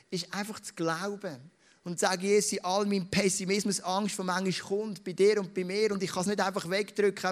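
A man with a Swiss German accent preaching a sermon in a church, earnest and pausing often with fillers. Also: high voice. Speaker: pastor. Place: church hall with a live audience. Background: band playing softly.

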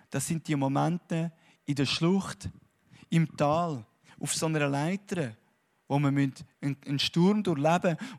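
Animated preacher man. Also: fairly high pitch. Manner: animated, swinging between quiet musing and loud emphasis. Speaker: conference speaker. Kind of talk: sermon-like talk.

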